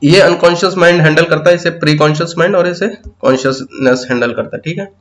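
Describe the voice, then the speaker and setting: A man's voice: fairly high pitch, fast, a bit bright. A man teaching an exam-prep pedagogy lesson, explaining step by step in mixed with terms and often checking in with "theek hai".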